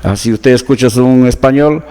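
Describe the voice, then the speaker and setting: A man's voice: medium pitch, normal speed, mellow, clean tone, long reverb tail. Man from the Peruvian Amazon, explaining. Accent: Peruvian Amazonian Spanish. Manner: patient, explains with examples. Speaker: guest, researcher. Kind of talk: explanatory interview talk.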